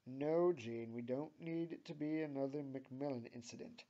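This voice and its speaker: A man's voice: fairly high pitch, normal speed, mellow, dull audio, voice pushed up, natural voice. A man voicing a weary, exasperated middle-aged father.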